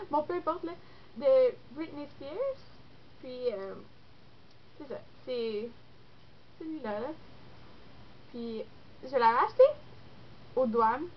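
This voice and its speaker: Speaking slowly and pausing often, this young woman has a high voice and a Québécois French accent. She's a beauty vlogger chatting casually to camera, congested with a cold and rambling with many fillers. The recording is lo-fi and dull, with a little noise.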